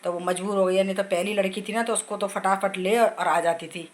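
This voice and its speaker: Unwell middle-aged woman, flat chatty vlog. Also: mid-range voice, fairly quick, background noise. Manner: chatty, rambling, retells conversations. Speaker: vlogger. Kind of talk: casual home vlog. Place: home kitchen.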